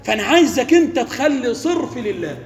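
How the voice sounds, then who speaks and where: A man's voice: very high-pitched, very animated, fast talker, crowd noise. A man with an Egyptian accent giving an interactive religious lesson, asking questions and letting the class finish his sentences. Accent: Egyptian Arabic. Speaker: religious teacher. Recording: echoey hall with faint ambience.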